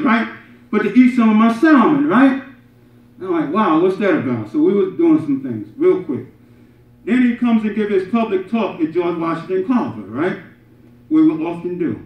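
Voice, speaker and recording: A middle-aged man preaching a sermon to his congregation, animated, swinging from loud emphatic peaks to soft asides and often asking "right?". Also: sits high. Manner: addresses congregation directly with rhetorical "right?". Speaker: imam giving Friday sermon. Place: carpeted mosque prayer hall, indoors, congregation seated on floor. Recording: roomy, distant and slightly dull camera audio.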